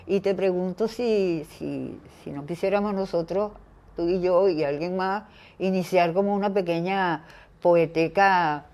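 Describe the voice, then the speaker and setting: Older woman, thoughtful and mellow. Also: fairly low pitch. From Venezuela. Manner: thoughtful, pauses to search for words. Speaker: interview guest. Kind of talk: reflective conversation.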